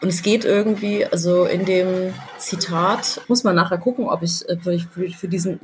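A woman's voice: on the low side, fairly even intonation, normal speed, slight background noise. A woman from southern Germany, a guest on a casual game podcast, who rambles through her thoughts with lots of fillers and slangy words. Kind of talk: casual podcast chat about games.

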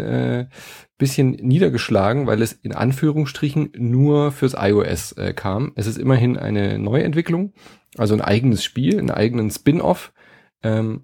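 A man's voice: mid-range voice, gravelly, dark tone. A man hosting a podcast and moderating in a casual, chatty way. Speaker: podcast host.

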